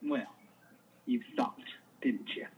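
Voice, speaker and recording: A man's voice: takes it slowly, highs cut off, natural voice. A man putting on a goofy hospital phone operator with a Southern US drawl, rambling nonsense in a prank call. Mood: deadpan.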